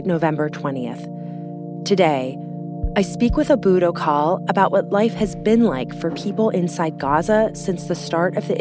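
Woman news podcast host, low register, measured scripted narration, soft music bed.

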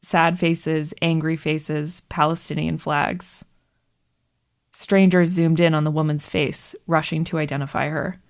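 Female narrator, deep with vocal fry, measured scripted news storytelling. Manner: measured, even storytelling delivery.

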